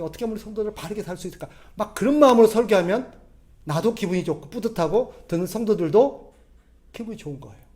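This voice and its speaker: High-voiced pastor. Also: male voice, darkish tone. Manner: conversational, asks the congregation questions; acts out quoted voices in a gruff tone. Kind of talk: sermon.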